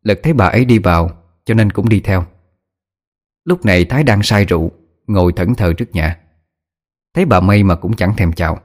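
A man narrating a horror story in a steady, measured storytelling voice. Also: low voice. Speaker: audiobook narrator.

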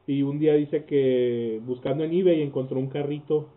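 Male co-host, relaxed chatty explainer, thin phone-like audio. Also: fairly high pitch, normal speed. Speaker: podcast co-host. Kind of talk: casual chat. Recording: tinny lo-fi podcast audio.

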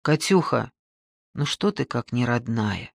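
An audiobook reader voicing a pushy, smooth-talking middle-aged man who wheedles his mother and niece, in a dry close recording. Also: medium pitch, animated, measured pace, no echo, voice pushed down. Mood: coaxing. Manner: breezy, wheedling, then pleading. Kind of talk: audiobook reading.

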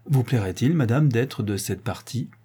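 A man reading the part of an eloquent, composed young gentleman host in a storybook reading. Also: mid-range voice, expressive, moderate pace, breathy edge.

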